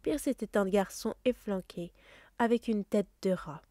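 Woman reading a story out loud, even and expressive, dry close mic. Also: medium pitch, measured pace, no echo. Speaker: audiobook reader. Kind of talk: read-aloud storytelling.

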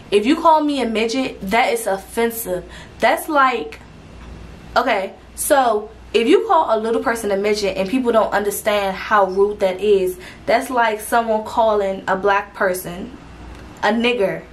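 A woman's voice: a little high, measured pace, poor audio. A young adult woman vlogging casually to camera, chatty and rambling, with fillers and restarts, a little out of breath.

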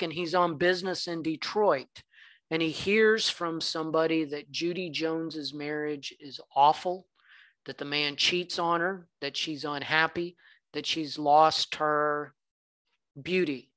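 A man's voice: a little high, pushed and bright. A man from the American South giving a conversational literature lecture, with some fillers, reading passages aloud. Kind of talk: recorded lecture.

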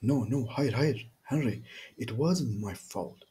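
A man's voice: mid-range voice, slow pace, warm tone, lightly acted. A man voicing a frightened old aunt who pleads with a ghost, in a raised voice. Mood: pleading.

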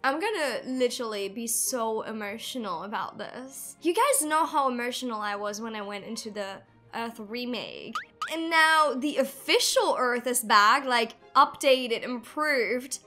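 A woman's voice: fairly high pitch, animated, measured pace, hardly any pauses, bright, forceful tone, faint music behind. A young woman giving gushing, emotional gameplay commentary as a gaming video creator.

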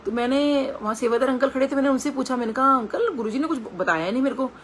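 A woman's voice: high voice, fast talker, fairly bright tone, a little hiss or hum. A middle-aged woman with an Indian Hindi accent, giving a devotional satsang talk full of personal stories, speaking earnestly with conversational hesitations.

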